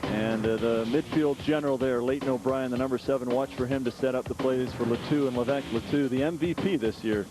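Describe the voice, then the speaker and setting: Man, soccer analyst, medium pitch, live match commentary, clear music behind. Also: a little fast, hardly any pauses, poor audio.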